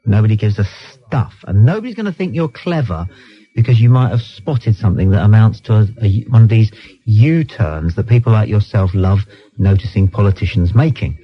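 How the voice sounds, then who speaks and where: On a dull, lo-fi late-night radio recording, a British phone-in host argues in a blunt, dismissive manner, pressing the same points over and over. His animated voice is on the low side, at a moderate pace.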